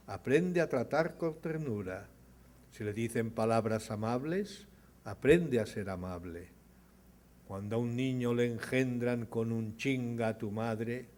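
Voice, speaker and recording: An older man giving a storytelling speech, acting out the dialogue of his tales with a raised, louder voice. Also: mid-range voice. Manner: dramatizes dialogue with rising, louder voice. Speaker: speaker at an award ceremony.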